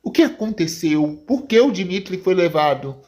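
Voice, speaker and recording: Calm storybook father, gentle and steady, slightly lower voice, woman voicing him. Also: normal speed. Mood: soothing. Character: calm caring father comforting his son.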